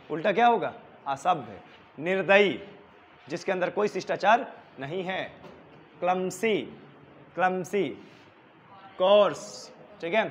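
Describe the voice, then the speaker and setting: A young male teacher who drills exam vocabulary with repeated questions and answers in a coaching classroom. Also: high-pitched. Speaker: English teacher. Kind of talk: exam-prep vocabulary lesson.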